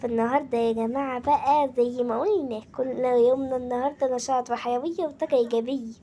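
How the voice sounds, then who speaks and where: Egyptian woman, home vlogger, high bright pitch, chatty narration to her viewers, faint background noise. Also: steady tone, fast talker. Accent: Egyptian Arabic. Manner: chatty, talks straight to viewers as a group. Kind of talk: casual home-cleaning vlog narration.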